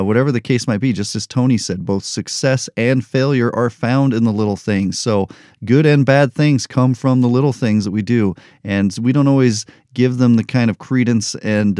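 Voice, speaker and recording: A podcast host in his forties speaks at a normal speed in a voice on the low side with a darkish tone. Alone at the mic, he gives a frank, unscripted motivational talk sprinkled with humor. The studio sound is clean, with no echo.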